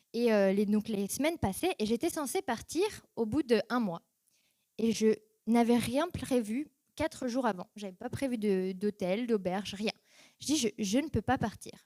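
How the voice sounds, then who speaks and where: A woman's voice: fairly high pitch, a little mellow, no echo. A young woman giving a personal church testimony, telling her story casually and acting out her past reactions in quoted voices.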